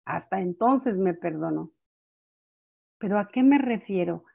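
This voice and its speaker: Older lady giving a family class, slow and unhurried, keeps repeating herself and asking "sí?". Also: medium pitch, animated, creaky, darkish tone, husky, dull audio. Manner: unhurried, repeats words, checks in with "¿sí?". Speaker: family-school speaker. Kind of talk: teaching talk with personal stories.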